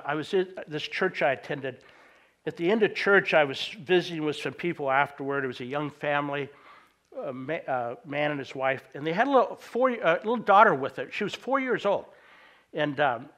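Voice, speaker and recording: A middle-aged man preaching a sermon as a pastor, conversational and halting, with many fillers and restarts. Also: a little high, fairly bright tone. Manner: acts out quoted voices in anecdotes.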